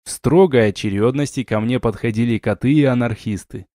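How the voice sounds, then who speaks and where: A man's voice: mid-range voice, brisk, mellow, dry recording, clean studio sound. Man reading a fantasy audiobook, ironic. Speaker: audiobook narrator. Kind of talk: scripted first-person fantasy narration.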